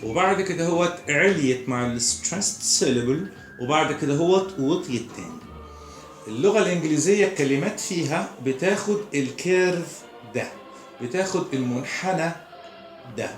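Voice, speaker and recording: An Egyptian man gives a recorded pronunciation lesson, repeating each example word slowly. His voice sits a little high. The room is echoey, with soft music behind him. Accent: Egyptian Arabic. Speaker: pronunciation teacher.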